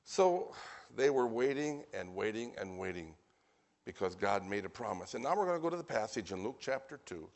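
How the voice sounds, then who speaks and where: A man preaching a sermon and reading scripture aloud as a pastor, animated and drawing out words for emphasis. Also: on the low side. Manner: animated storyteller, drawn-out emphasis. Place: church.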